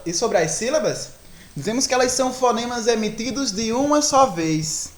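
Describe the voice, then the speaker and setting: A teacher with a Brazilian Portuguese accent, explaining a grammar lesson step by step and often asking the class whether they follow. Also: mid-range voice.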